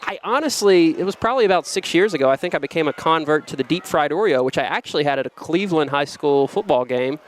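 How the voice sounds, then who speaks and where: A man calls a small-town high school football game in a slightly high voice, trading jokey, rambling asides about food with his partner. Faint outdoor stadium noise sits behind him. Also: animated, quick pace, few pauses. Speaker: play-by-play commentator. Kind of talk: local high school football broadcast commentary.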